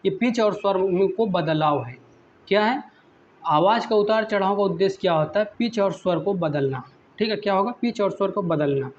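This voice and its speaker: A man with a slightly raised voice teaches through a list of exam questions. He reads each English question slowly, then explains it in Hindi and keeps prompting with repeated questions. The recording is a bit dull and muffled, with a faint hiss. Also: high-pitched.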